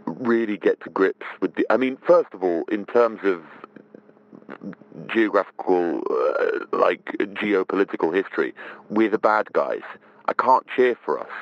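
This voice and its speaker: A comedian leaving a halting, wry, rambling voicemail that is heard over a phone line. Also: male voice, low voice, a bit bright. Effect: heard over a phone line as a voicemail message. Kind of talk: left voicemail rant. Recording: dull phone voicemail recording.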